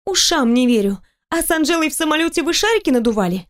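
A quick-tempered young woman read by a woman throws out sharp, indignant comebacks. Her voice sits a little on the high side. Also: animated. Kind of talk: audiobook reading.

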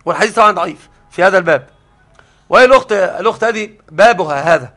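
A man's voice: high-pitched, lively intonation, very fast, sharp tone. A man teaching a scholarly religious lesson, explaining the text step by step. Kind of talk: scholarly lesson on Quran readings.

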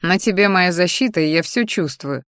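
A woman's voice: fairly low pitch, lively intonation, normal speed, fairly bright tone, no echo, clean studio sound. A woman voicing a protective young man who speaks curtly and growls when flustered. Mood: caring. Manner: growling, curt.

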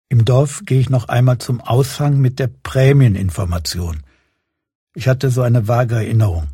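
A man reading his own first-person reportage in a sober, measured and wry manner. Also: mid-range voice, mellow, slightly rough, no room sound, studio quality. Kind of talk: scripted first-person narration.

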